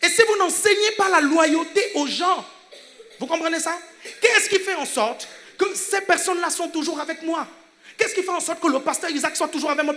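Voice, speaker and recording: A male pastor with a Gabonese French accent preaches with a high, bright, ringing voice. He hammers his points home, checks again and again that the crowd is with him, and breaks into laughter as he swings from booming to hushed. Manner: emphatic, keeps checking that the congregation follows; laughs between phrases, swings from loud to hushed. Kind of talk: sermon.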